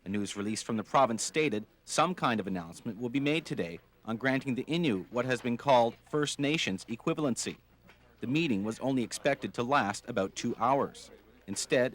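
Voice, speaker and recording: A man reading a scripted television news report as a reporter. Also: medium pitch.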